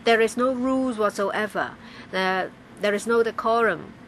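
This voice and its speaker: A woman giving live interpretation of a legislative debate, halting, with frequent pauses and restarts. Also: medium pitch, fairly bright tone, slight background noise, poor audio. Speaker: simultaneous interpreter.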